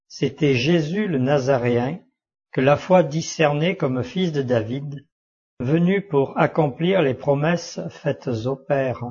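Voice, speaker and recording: A man reading a devotional Bible study aloud in a measured, solemn way. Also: mid-range voice, darkish tone. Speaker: study reader. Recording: dull lo-fi recording.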